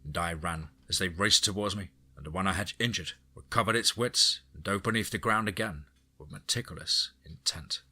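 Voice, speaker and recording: A man's voice: low-pitched, moderate pace, breathy edge. A man narrating a first-person horror story in a dramatic, suspenseful way. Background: soft background music.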